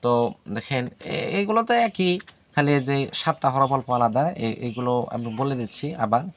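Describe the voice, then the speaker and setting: A man's voice: mid-range voice, lively intonation, a bit bright. Patient man teaching letters. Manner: patient, repeats letters aloud slowly with hesitations. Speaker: language teacher. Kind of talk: casual video lesson.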